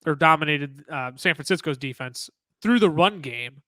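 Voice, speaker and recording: A man co-hosting a sports podcast, talking excitedly in casual chat with many restarts. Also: on the high side, moderate pace, no room sound. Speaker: podcast co-host.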